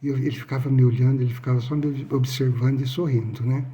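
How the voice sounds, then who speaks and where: A man telling his personal testimony, halting and repeating his phrases. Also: mid-range voice, steady tone, mellow. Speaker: near-death experience witness.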